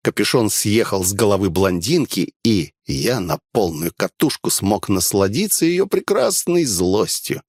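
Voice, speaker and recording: A man narrating an audiobook in the first person, with a wry, expressive telling. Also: fairly low pitch, a little slow, few pauses, no echo, studio quality.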